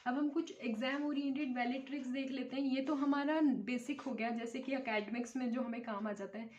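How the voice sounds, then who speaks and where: A woman teaches an English grammar lesson, explaining step by step and checking in with her students. Her voice sits fairly high. The recording sounds dull and lo-fi. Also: darkish tone. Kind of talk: classroom lecture.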